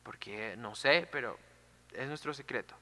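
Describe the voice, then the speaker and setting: A man's voice: mid-range voice, a little slow, sharp tone, in a large hall. A man doing a secretive young love god.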